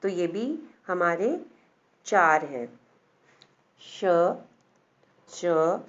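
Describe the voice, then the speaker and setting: A woman's voice: on the low side, lively intonation, extremely slow. A woman teacher giving a patient classroom lesson, sounding out letters one at a time and repeating key points. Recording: dull lo-fi classroom recording.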